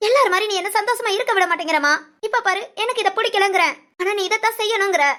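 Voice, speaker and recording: A stubborn, sulky ten-year-old boy in a spoken storybook, as a woman storyteller puts him on. He whines and complains in a very high, bright voice. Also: quick pace. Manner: whiny, complaining.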